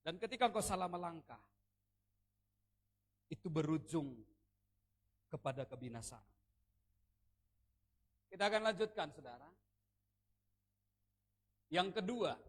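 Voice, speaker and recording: Male preacher with a strikingly high voice; lively, jokey sermon delivery that calls for congregation response. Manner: animated, joking, leads the congregation in repeating phrases. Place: church worship service.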